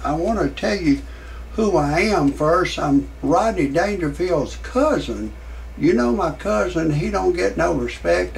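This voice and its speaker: A man in his sixties hosting a comedic parody monologue, rambling in a deadpan way with many fillers. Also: creaky, slight background noise, low-quality recording. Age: 60s. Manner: shouts quoted lines in a much higher voice. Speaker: parody show host.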